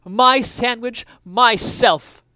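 Extremely slow and very high-pitched, this young man's pushed, bright voice has no echo as he reads an article aloud for his stream from a small home room. Using a headset mic, he performs the essay theatrically, emphatic and mock-indignant.

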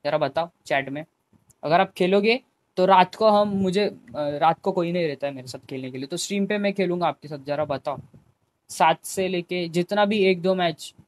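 A man's voice: high-pitched, normal speed. A young man, chatting casually with viewers by name on his live game stream and pleading with them at times. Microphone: headphone mic.

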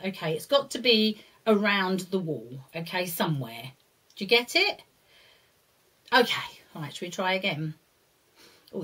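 A middle-aged woman presenting a lesson to young children with a puppet, speaking in simple, singsong, deliberate phrases with questioning tags. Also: mid-range voice, fairly bright tone, breathy edge. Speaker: early years teacher presenting a puppet lesson. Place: indoors, seated before a brick-patterned backdrop.

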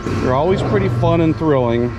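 A man hosting an excitable ride-along commentary, talking to his viewers from a moving roller coaster. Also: on the high side, normal speed. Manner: excitable, chatty, talks to viewers. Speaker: channel host. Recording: loud wind and ride noise.

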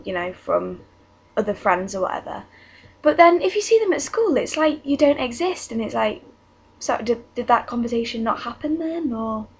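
Teen girl vlogger, fairly high, husky voice, chatty and exasperated. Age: teens. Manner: exasperated, chatty, many restarts and "like". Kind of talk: casual ranting vlog. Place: bedroom at home.

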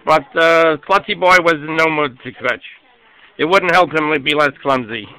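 Bright-voiced man reading a kids' book. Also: on the high side, moderate pace, smooth, low-quality recording. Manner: chatty, explains as he goes, hesitant restarts. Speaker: storybook reader. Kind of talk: children's book read-aloud with explanations.

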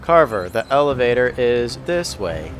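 A man's voice: medium pitch, big pitch swings, moderate pace. Joking man doing game commentary. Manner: joking, playful. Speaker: gaming channel host. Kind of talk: casual let's play commentary.

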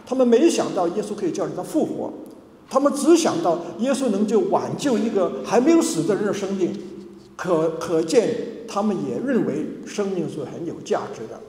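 A man's voice: high-pitched, very animated, moderate pace, dark tone. A man from Hong Kong preaching a sermon as pastor, emphatic, with many fillers and restarts. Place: church hall. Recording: echoey church hall reverb.

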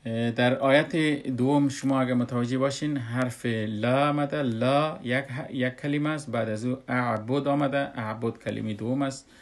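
A man, a Quran recitation teacher who explains a lesson step by step and pauses often on drawn-out "uh" sounds. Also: medium pitch, steady tone. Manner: unhurried, with frequent drawn-out "uh" pauses.

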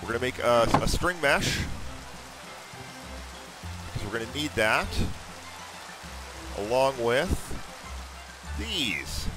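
A man giving excitable let's-play commentary, thinking aloud and talking to his viewers. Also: mid-range voice, poor audio. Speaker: gaming YouTuber.

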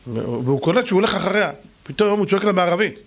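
Animated storytelling rabbi, a man. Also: high voice. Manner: animated, acts out quoted voices, exclamatory; addresses listeners directly as gentlemen. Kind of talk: storytelling sermon.

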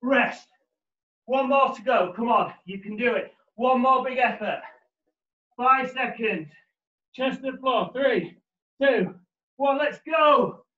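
A man's voice: very high voice, slow pace, pauses often. A man in his thirties, a personal trainer leading a workout while exercising, energetically pushing people on in short gym-bro commands. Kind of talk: live workout instruction. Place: living room, indoors. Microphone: far camera mic across the room. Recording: roomy, muffled, distant home camera audio.

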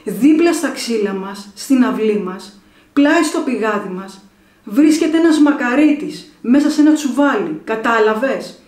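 A woman's voice: fairly high pitch, very animated, hardly any pauses, very echoey, distant mic. A woman playing an alarmed, insistent village wife. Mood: urgent. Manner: urgent, pleading, exasperated.

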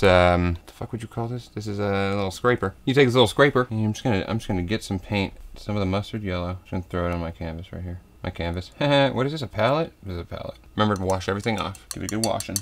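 Deep-voiced man hosting a comic painting tutorial. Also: fast talker, hardly any pauses. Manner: soft-spoken tutorial voice slipping into crude jokes. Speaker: comedy host. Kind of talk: comedic painting tutorial parody.

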